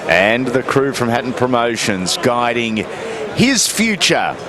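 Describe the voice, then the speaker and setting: A man's voice: medium pitch, very animated, slow, a crowd in the background. A man giving live boxing commentary for a broadcast.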